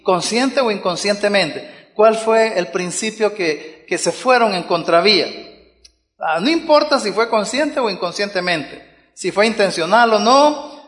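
A pastor preaches in a fairly high, light voice. He keeps the sermon conversational and often checks in with the congregation. His voice rings out in a long, reverberant hall. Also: a bit bright. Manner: conversational preaching with frequent "¿verdad?" asides to the congregation.

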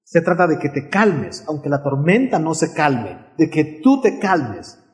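Man preaching, high voice, earnest, keeps asking the congregation questions. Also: very animated, unhurried. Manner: earnest, with repeated rhetorical questions to listeners. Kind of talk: sermon.

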